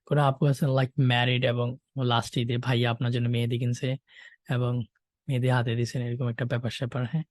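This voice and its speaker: A male teacher gives an online exam-prep lesson, joking and animated and often checking in with his listeners. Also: mid-range voice, brisk, no room sound, clean studio sound.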